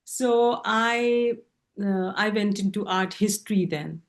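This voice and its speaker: A middle-aged woman from Pakistan, speaking as a guest on a video-call interview, unhurried and hesitant with fillers. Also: medium pitch. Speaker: guest artist. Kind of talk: relaxed interview conversation.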